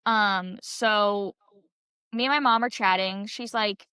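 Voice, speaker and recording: A young woman in her twenties, a college gymnast appearing as a podcast guest, chats casually and fills her story with "like" and "um". Her medium-pitched voice is sharp yet smooth, fairly even in intonation and slow, with clean, echo-free studio quality.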